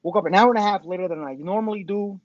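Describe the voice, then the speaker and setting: A man's voice: high-pitched, racing, no room sound. A man in his fifties hosting his own live-stream show from his phone, sounding tinny like he is in a tin can, rambling, mocking himself and swearing casually. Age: 50s. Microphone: phone with Bluetooth headphones.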